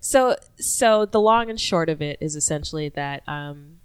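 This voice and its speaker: A woman's voice: low voice, expressive, moderate pace, slight background noise. A woman whose first language is not English, co-hosting a casual chat and making sarcastic asides.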